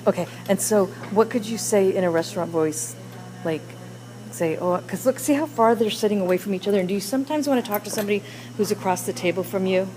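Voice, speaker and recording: A woman's voice: medium pitch, fast talker, background noise. A woman teacher leading a classroom discussion with children, coaxing them with question after question.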